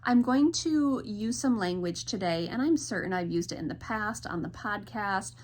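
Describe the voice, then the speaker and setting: A woman in her thirties, a licensed counselor, speaking earnestly and gently to camera in a reassuring reflective talk. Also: mid-range voice, lively intonation, moderate pace. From Michigan.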